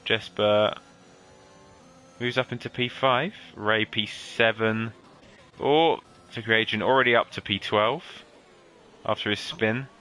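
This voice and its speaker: A man commentating an online racing league, joking with his co-commentator and getting excited at overtakes. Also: fairly low pitch, unhurried, long pauses. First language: English. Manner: lively, playful banter, excited at overtakes. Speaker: race commentator.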